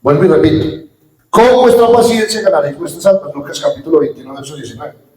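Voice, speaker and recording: A man preaching a Pentecostal sermon as pastor, quoting scripture with sudden rises and drops in loudness. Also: a little high, animated, brisk. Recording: echoey room from far off.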